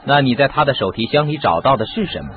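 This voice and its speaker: Voicing a self-assured, persuasive male detective in a radio drama, the actor speaks quickly and expressively at medium pitch, close to an everyday voice. Soft music plays in the background, and the audio sounds muffled, like a phone line.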